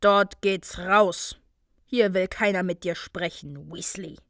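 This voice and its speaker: A woman's voice: mid-range voice, normal speed, dry recording, clean studio sound, lightly acted. A woman voicing a cocky, teasing young male wizard student. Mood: mocking. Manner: loose, teasing, mocking.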